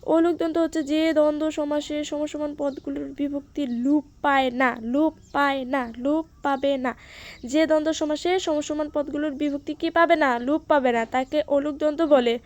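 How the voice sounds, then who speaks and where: A woman's voice: sits high, fairly even intonation, normal speed. A woman tutoring for an exam, asking questions and answering them herself, and having listeners repeat after her. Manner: drilling, asks and answers her own questions. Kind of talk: exam-prep lesson.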